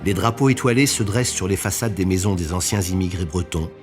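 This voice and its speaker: A man reading scripted documentary narration in a measured, even way. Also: low-pitched, music in the background.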